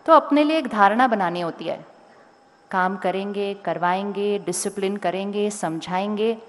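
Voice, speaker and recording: A woman giving a motivational spiritual talk to a school audience, speaking slowly and deliberately and sometimes calling on the crowd to raise their hands. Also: mid-range voice. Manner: calm, slow and deliberate, rising to urge the crowd. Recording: long hall reverb.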